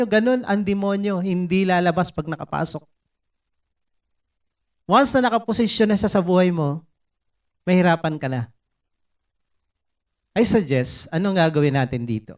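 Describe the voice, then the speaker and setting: A man preaching a sermon in an animated way, mixing in English words and putting questions to the congregation. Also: high-pitched. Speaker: pastor. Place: church service.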